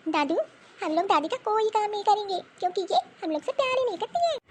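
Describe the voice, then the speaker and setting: A woman's voice: very high-pitched, lively intonation, fast, a little hiss or hum, pitched above the performer's own voice. Woman doing a whiny little girl. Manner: whiny, tearful. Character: young girl, upset granddaughter. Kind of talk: cartoon voice acting.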